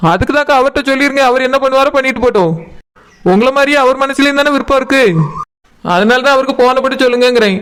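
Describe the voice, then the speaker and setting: A man's voice: very high voice, quick pace, fairly bright tone, clear, resonant tone. A man voicing a caring, talkative village woman in a cartoon, coaxing and explaining at length.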